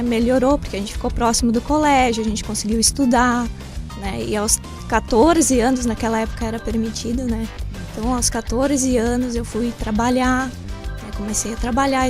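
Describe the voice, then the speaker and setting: A woman from southern Brazil, a shop owner interviewed in a radio studio, telling her story in a plain, simple way with frequent tag questions. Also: on the high side.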